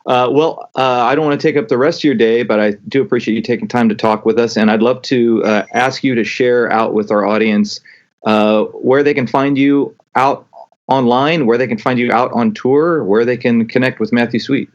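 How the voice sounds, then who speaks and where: A podcast host with a medium-pitched, steady voice speaks at normal speed in a casual interview. He sounds eager, restarting and stumbling often, and the recording has a dull lo-fi quality.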